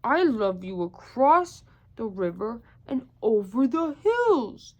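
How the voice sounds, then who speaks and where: Woman as a slow, tender big hare. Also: on the high side, big pitch swings, lo-fi sound, heavily acted. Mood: loving. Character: big grown-up hare, gentle, loving, proud parent figure.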